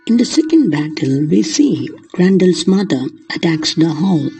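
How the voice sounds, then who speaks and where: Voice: mid-range voice, very animated, a little slow, mellow, husky, soft background music. A lecturer explaining literature in the manner of a lesson, glossing terms in simple words along the way.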